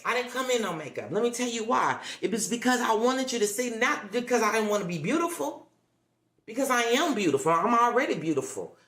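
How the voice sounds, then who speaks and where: Hosting a motivational livestream, a woman talks emphatically, repeating lines for effect and coaxing viewers with tag questions as she keeps checking in. Her voice is fairly high, fairly bright and fairly quick, with big pitch swings, heard in a room with noticeable echo.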